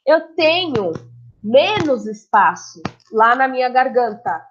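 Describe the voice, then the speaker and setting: Speech therapist lady, slow careful talk, a bit high, slightly dull recording. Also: big pitch swings, slight background noise. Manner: demonstrates sounds, checks understanding with listeners. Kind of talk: explanatory lesson.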